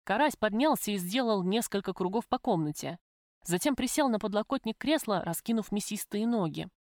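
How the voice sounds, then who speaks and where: A woman reading a first-person audiobook in an even, measured storytelling manner. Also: mid-range voice, no echo, clean studio sound. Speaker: audiobook narrator.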